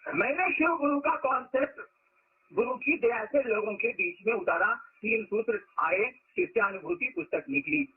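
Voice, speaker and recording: A man's voice: extremely high pitch, lively intonation, moderate pace, slightly rough, narrow, tinny audio. A man giving an informal spiritual discourse as a teacher, talking conversationally and asking rhetorical questions.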